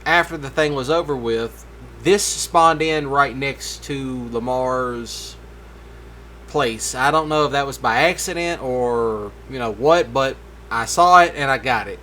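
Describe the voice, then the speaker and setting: A man's voice: medium pitch, unhurried, bright, forceful tone, slight background noise. A tired man rambling through a laid-back voice-over for his gaming video late at night, with yawns between thoughts. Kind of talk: casual voice-over commentary.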